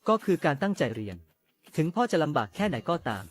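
Devoted struggling father, drama series, gentle and reassuring, slightly high voice, lively melody. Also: fast. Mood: tender. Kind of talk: Thai dubbing of a drama series.

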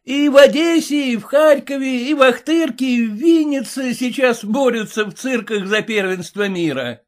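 A man voicing a sarcastic male circus spectator who shouts mockery in an audiobook reading. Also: very high-pitched, moderate pace, voice pushed up. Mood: jeering.

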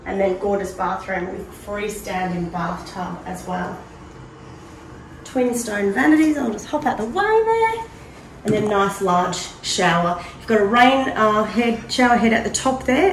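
Unhurried and medium-pitched, a middle-aged Australian presenter gives a casual, conversational, enthusiastic walk-through of a prize home. She moves through hard-surfaced apartment rooms, recorded on a distant mic with roomy echo and background noise.

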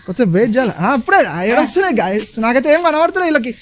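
A young man, hosting a prank vlog and teasing his friends with excitable commentary. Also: very high voice, very fast. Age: young adult.

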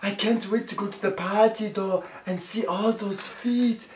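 A woman's voice: medium pitch, steady tone, unhurried, a little mellow, natural voice. A woman playing a fawning, whiny, foot-obsessed monster servant in an improvised comedy, pleading with a master. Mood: gleeful craving. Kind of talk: improvised comic mockumentary role-play. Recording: roomy, distant mic with faint noise.

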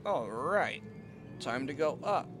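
A man hosting a game playthrough, giving casual commentary in a relaxed, musing way as he thinks aloud. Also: on the high side, slow pace, over music. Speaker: gaming host. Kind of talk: casual let's-play commentary.

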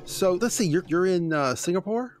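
A man's voice: high-pitched, lively intonation, normal speed, music in the background. A man hosting a podcast interview over a call, casual and friendly, often repeating words as he gathers his thoughts. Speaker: podcast host.

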